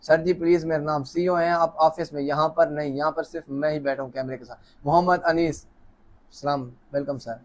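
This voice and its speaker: Seated by himself before a camera in an office, a man hosts a live lucky draw, speaking fairly quickly in a slightly high, steady voice. The stream is casual chat as he reads names aloud, cracks jokes and warmly welcomes viewers.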